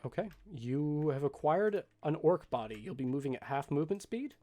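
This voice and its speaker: A man narrating as game master of a tabletop game, relaxed and full of fillers. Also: fairly high pitch, normal speed.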